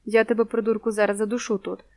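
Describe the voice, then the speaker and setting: A woman voicing a hot-headed, loyal teenage boy who talks bluntly and forcefully, in a storybook reading. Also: medium pitch, flat delivery, quick pace, no echo, natural voice. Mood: angry.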